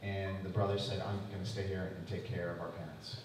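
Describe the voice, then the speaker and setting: A man's voice: sits low, little pitch movement, a little mellow, slight background noise. Middle-aged guy telling family history, stumbles and repeats, mic far off in a big echoey room. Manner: halting, repeats words while recounting. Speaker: lecture speaker. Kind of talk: family storytelling at a public talk. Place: museum lecture room.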